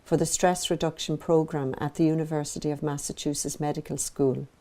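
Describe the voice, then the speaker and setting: With flat delivery, a female meditation teacher uses a soft, very mellow voice pitched a little low for a woman. Gentle and evenly measured, she separates phrases with soothing pauses.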